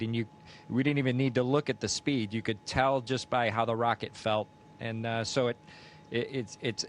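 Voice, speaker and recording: A man speaking as an astronaut, recounting things matter-of-factly and haltingly in an unscripted way. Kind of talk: unscripted recounting in a live downlink event. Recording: space downlink with faint rumbling noise.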